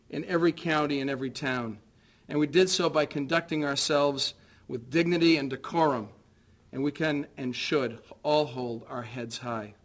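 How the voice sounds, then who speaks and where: Man, American accent, slightly high voice, political candidate, formal prepared concession speech, measured and earnest delivery. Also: fairly bright tone.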